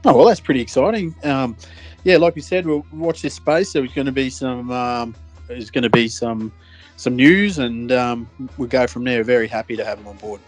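Medium-pitched man in casual, easygoing chat. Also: moderate pace, faint music behind. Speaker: fishing podcast co-host.

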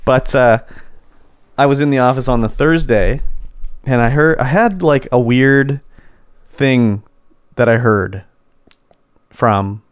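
A man's voice: medium pitch, slow pace, long pauses, clear, resonant tone, no room sound, studio quality. A man, co-hosting a podcast and telling a casual story about his office, acting out what his coworkers said. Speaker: podcast co-host. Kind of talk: casual chat.

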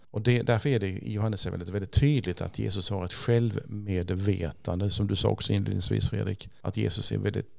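A man, a priest and Bible teacher, explaining scripture as a podcast guest, thoughtful and slow with pauses and repeats. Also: fairly low pitch, vocal fry, no echo.

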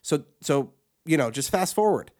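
Ranting crudely and profanely, this podcast co-host keeps restarting and doubling back on his words in a comedic tirade. He has a slightly high, animated, somewhat mellow voice at a moderate pace.

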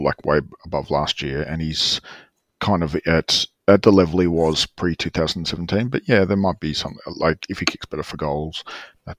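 An Australian man co-hosting a casual sports discussion over an online call, speaking haltingly and often restarting his sentences. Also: sits low, dry recording. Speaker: sports podcast co-host. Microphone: online call microphone.

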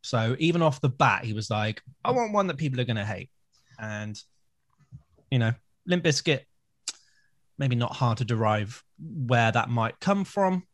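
A man's voice: mid-range voice, expressive, unhurried, long pauses. British man bantering on a podcast. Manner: bantering, informal. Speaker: podcast co-host. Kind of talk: casual chat, music discussion.

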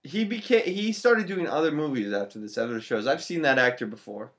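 A man co-hosting a podcast in casual chat, excitable and quick to laugh. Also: medium pitch, slight background noise. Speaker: podcast co-host.

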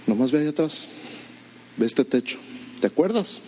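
A man preaches, telling a story with animated delivery and frequent rhetorical questions. His voice sits a little high for a man. A faint hum runs behind him in the church. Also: normal speed. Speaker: pastor. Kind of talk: storytelling sermon.

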